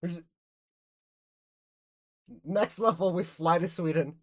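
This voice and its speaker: A female streamer with a fairly low, slightly mellow voice talks slowly while gaming with friends. She chats casually, swears, laughs, and keeps restarting her rambling sentences.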